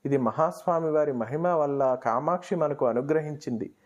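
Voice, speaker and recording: A man's voice: on the high side, moderate pace, dull audio, natural voice. A man voicing a devout, anxious elderly grandmother in a storybook reading, speaking in a pleading, tearful way. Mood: earnest.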